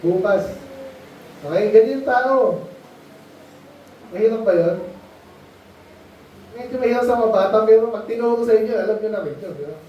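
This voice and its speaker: A man's voice: high-pitched, moderate pace, pauses often, slight background noise. A man preaching a Bible lesson to children in a conversational way, often stopping to ask them questions. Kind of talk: Bible lesson sermon in Tagalog. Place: mission meeting space. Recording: muffled, echoey room, distant mic.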